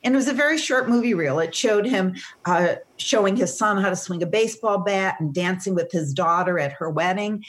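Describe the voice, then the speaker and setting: A middle-aged woman, a seminar teacher, telling a personal story in conversation, animated and emotional. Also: mid-range voice, fairly quick.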